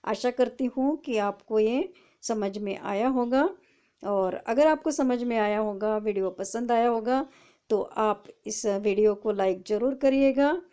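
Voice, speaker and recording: A woman teaching an online class, reading sentences aloud slowly and explaining them, often asking and then answering her own questions. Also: a little high, mellow, smooth.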